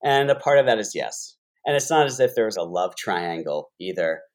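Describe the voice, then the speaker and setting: A man with a low-pitched voice co-hosts a casual film podcast. He talks in a loose, chatty way, hedges his opinions and often drops in "you know". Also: animated, moderate pace. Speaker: podcast co-host.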